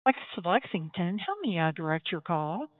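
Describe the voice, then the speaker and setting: Woman receptionist over a landline phone, fairly low, lively sing-song, tinny line. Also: moderate pace. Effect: heard over a landline phone. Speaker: dealership receptionist. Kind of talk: answering a business call.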